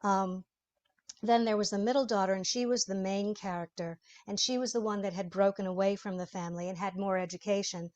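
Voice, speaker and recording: Interview guest: woman voice actor, mid-pitched, chatty and explanatory. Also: fairly even intonation, a little fast, a little mellow, highs cut off. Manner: chatty, explanatory, laughs often. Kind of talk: interview conversation.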